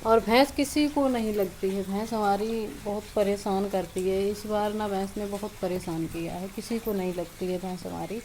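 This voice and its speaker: A woman chats through a homely vlog in a rambling way, full of fillers. Her voice sits at a middling pitch. Clear background noise from rain and the house runs under her. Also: fairly even intonation, moderate pace, few pauses. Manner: chatty, rambling, many fillers. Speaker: village vlogger. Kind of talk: casual vlog narration. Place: rural home, rain outside.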